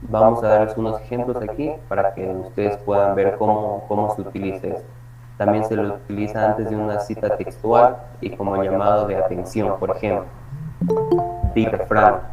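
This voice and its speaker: Low, flat-voiced male teacher. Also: faint music behind. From Ecuador. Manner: explanatory, slows for examples, frequent restarts. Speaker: reading workshop teacher. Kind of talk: classroom lesson on punctuation. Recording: echoey room, distant mic, dull sound, crowd.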